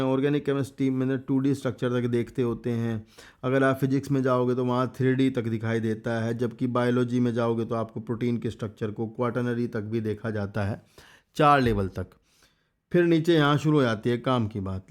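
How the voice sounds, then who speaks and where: A man's voice: mid-range voice, a little mellow. A man giving a casual exam revision biology lecture, reading textbook lines in English and explaining them in Hindi, urging students to remember key points. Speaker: biology teacher.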